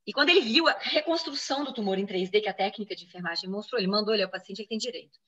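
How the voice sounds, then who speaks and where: A woman's voice: mid-range voice, rapid-fire, dull audio. A woman physician in an interview, explaining a medical case and acting out what others said. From Brazil. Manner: explanatory, quoting others in lively reenactment. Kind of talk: interview answers, personal medical account.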